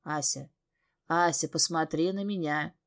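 A woman's voice: low-pitched, a little slow. A woman voicing a domineering, angry man in an audiobook, barking orders and cursing. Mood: harsh commanding.

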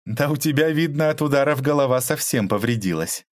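A man's voice: mid-range voice, expressive, a little fast, no echo, pitched above the performer's own voice, natural voice. A man reading an audiobook aloud, voicing a tough, ironic young woman detective who mocks and lectures. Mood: mocking. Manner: mocking, cold, lecturing.

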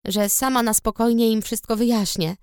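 A woman narrating a storybook in the first person with a steady, measured reading on a close studio mic. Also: fairly high pitch, smooth, dry recording. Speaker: audiobook narrator.

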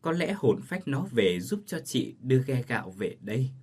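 A man's voice: medium pitch, big pitch swings, moderate pace, darkish tone, husky. A man reading as a grieving old schoolteacher. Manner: choked, sorrowful speech. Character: older village schoolteacher father, grief-stricken, resigned.

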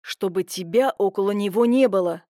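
A woman voicing an irritable, gruff middle-aged man who grumbles and shouts. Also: medium pitch, normal speed, no room sound, studio quality, lightly acted. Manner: grumbling, then bursts of shouting.

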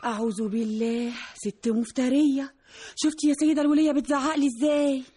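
An actress playing a frightened young Egyptian hairdresser in a radio drama, pleading and anxious. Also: female voice, sits high, steady tone, brisk, very noisy, close to an everyday voice. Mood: worried. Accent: Egyptian Arabic.

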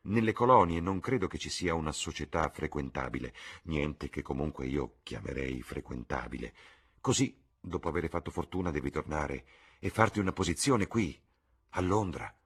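A man reading a novel aloud, voicing a weary, theatrical middle-aged mother in a soft, slow murmur. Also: a bass voice, expressive, slightly rough, heavily acted. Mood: anxious.

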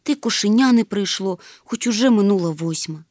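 A woman narrating a children's storybook in a lively, expressive way. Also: mid-range voice, moderate pace, no echo, clean studio sound. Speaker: audiobook narrator. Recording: soft music under the reading.

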